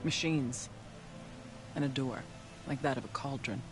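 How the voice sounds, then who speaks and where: A solemn, devout shaman woman from a video game. She speaks in formal, reverent and measured phrases, seeking her spirit with conviction. Loud music plays behind her. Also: very deep voice, low-quality recording. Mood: solemn, hopeful. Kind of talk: dramatic video game dialogue.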